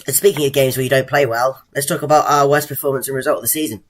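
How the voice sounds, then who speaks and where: A man co-hosting a casual football podcast, measured and hesitant, with plenty of fillers. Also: medium pitch, steady tone. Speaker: podcast co-host.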